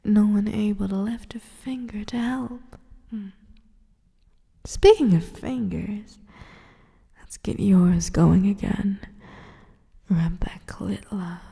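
A woman voicing a predatory female succubus in an erotic audio roleplay, whispering nearly every line in a slow, taunting way. The voice is gravelly, breathy and dark, with a long hall reverb around it. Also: medium pitch, exaggerated voice. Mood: gloating taunt. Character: predatory teasing female succubus, cruel and gloating.

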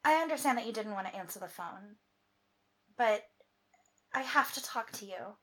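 A woman's voice: fairly high pitch, animated, normal speed, a bit bright. A woman leaving a hesitant, pleading voicemail for an ex in an audio roleplay, with sighs and restarts. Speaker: ex-girlfriend character.

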